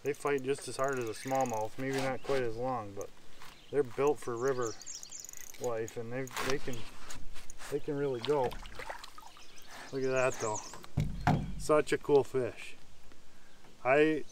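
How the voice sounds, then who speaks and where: A man in his thirties speaks at a measured pace in a steady, mid-range voice, with long pauses and a noisy background. Casually vlogging while fishing on a small river, on the bank and in a canoe, he's enthusiastic and chatty, explaining as he fishes.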